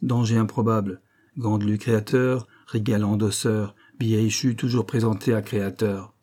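Un homme lisant un livre audio incarne un directeur escroc, froid et laconique, qui parle par mots hachés. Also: male voice, fairly low pitch, moderate pace, close to an everyday voice. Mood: icy. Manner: clipped telegraphic speech, icy and flat. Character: cold, laconic middle-aged swindler director.

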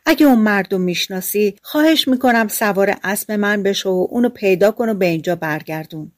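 A woman's voice: medium pitch, darkish tone, no echo, studio quality, lightly acted. A woman voicing a naive, tired young farm lad in a storybook fairy tale, speaking earnestly and pleading.

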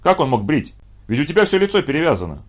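A man voicing a stern, fussy older male math teacher who scolds and booms, in a storybook reading. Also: very animated, quick pace. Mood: booming. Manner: scolding, booming.

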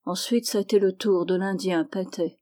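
A woman voicing an exhausted, tender man stranded in the desert, speaking gently and wearily in an audiobook. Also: medium pitch, normal speed, natural voice. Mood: weary. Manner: gentle, weary, subdued. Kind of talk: audiobook reading.

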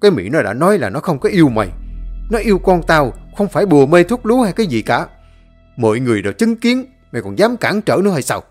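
A man voicing a furious, bullying older village father who shouts coarse threats. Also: a little high, very animated, a little slow, hardly any pauses, soft background music, voice pushed up, heavily acted.

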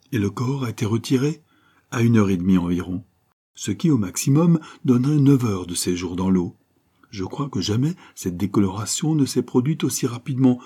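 Man doing a calm country doctor explaining stuff, low husky voice. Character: middle-aged male country doctor, reasoning.

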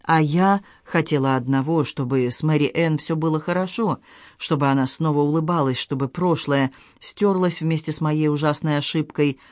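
A man's voice: a little high, normal speed, no echo, clean studio sound, natural voice. A man voicing a tearful, guilt-ridden young woman confessing in an audiobook. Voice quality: pleading, sobbing delivery.

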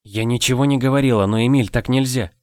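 A man voicing a calm, caring young noblewoman who speaks gently and reassuringly. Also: medium pitch, fast talker, no echo, pitched above the performer's own voice, close to an everyday voice. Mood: gentle.

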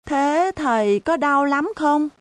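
A cheeky, naive little schoolgirl, put on by a woman reading an audiobook, chirps her stubborn questions in a raised, bright voice. Her delivery is slow and unhurried, and the recording is close and dry, with no room around it. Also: high voice, no room sound, pitched above the performer's own voice. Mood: innocent, chirpy.

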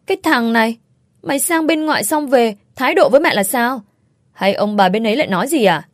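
A shrill, scolding mother-in-law, voiced by a woman storyteller, sly and scheming behind an innocent act. Her voice jumps up high and sharp. It is an audio story read in a dry room. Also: lively intonation, a little fast, no echo, close to an everyday voice.

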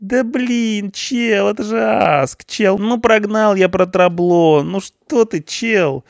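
A man's voice: sits high, slow pace, vocal fry, dry recording, clean studio sound, voice pushed up, full character voice. A man voicing a panicky eighteen-year-old punk boy behind bars, whining and pleading in slang. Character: panicky whiny teenage punk boy in jail.

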